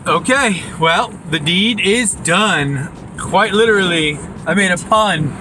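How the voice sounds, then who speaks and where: A man's voice: sits high, slow pace, sharp tone, slight background noise, poor audio. A man talking casually to his camera as a vlogger, joking and punning as he rambles along. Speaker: vlogger documenting a land purchase. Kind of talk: casual vlog chat.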